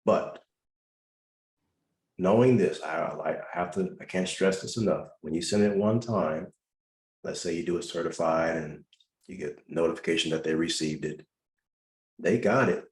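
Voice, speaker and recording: Fielding questions from callers during a live video class, the deep-voiced host teaches by hammering his advice home through emphatic repetition. He speaks at a moderate pace with long pauses, and his words echo around a roomy space.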